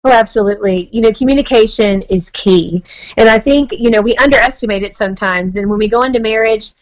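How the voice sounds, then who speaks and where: An American woman appears as a guest marriage expert, offering conversational advice in an earnest, chatty way. Her voice sits on the high side and she talks fast, though the audio quality is poor.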